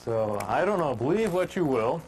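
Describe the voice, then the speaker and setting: A man teaching woodcarving in a relaxed, homespun storytelling manner, chatting with filler words as he works. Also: a little high, moderate pace, a little hiss or hum, rough recording. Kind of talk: folksy storytelling while demonstrating carving.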